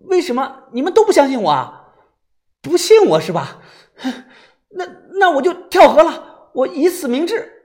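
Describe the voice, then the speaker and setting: A man voicing an excitable, defensive young man in an audiobook, shouting his innocence in a shrill voice. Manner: shrill, indignant, quick to shout. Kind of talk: audiobook character voice.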